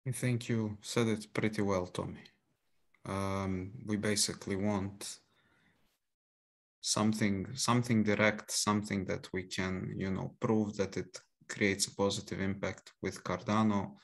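A man on a video call speaks as a panelist, earnest and measured. His voice is somewhat low and gravelly. It stays flat in pitch. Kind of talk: casual online presentation.

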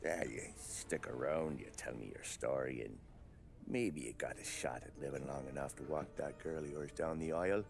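An actor playing a tough-talking 1930s police detective who needles a witness in street slang. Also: male voice, a bass voice, moderate pace, creaky. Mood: wry, needling. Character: gruff 1930s male police detective interrogating. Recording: game audio with loud score.

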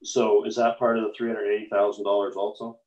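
Speaking quickly in a lowish, darkish voice with a level tone, a male city councillor asks questions on a council video call, stumbling through many fillers and restarts. The recording is lo-fi, distant, and echoey.

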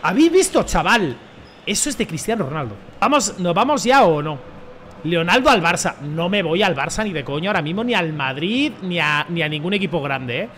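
A young man with a Spain Spanish accent, commentating his own football game casually, excitable and slangy, shouting when he scores. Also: a little high, a little fast, slight background noise. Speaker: gaming YouTuber.

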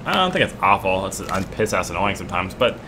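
A young man co-hosting a casual snack-tasting chat, animated and sarcastic in his ribbing. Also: deep voice, quick pace. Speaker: co-host. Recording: noisy home stream recording.

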